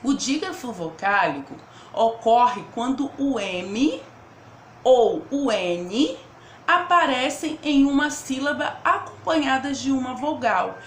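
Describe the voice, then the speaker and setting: Slow patient teacher lady, lively bouncy voice, echoey room w/ faint hum behind. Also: fairly high pitch. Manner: patient, repeats and sounds out example words; checks in with the class often. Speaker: primary school teacher. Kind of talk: remote grammar lesson for children.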